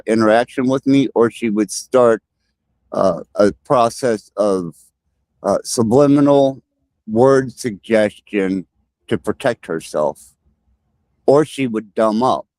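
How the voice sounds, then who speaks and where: A man speaking slowly and insistently in a podcast discussion, pausing with fillers. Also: mid-range voice, expressive, a little mellow, dry recording. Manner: slow, halting and insistent. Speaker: guest describing his AI companion.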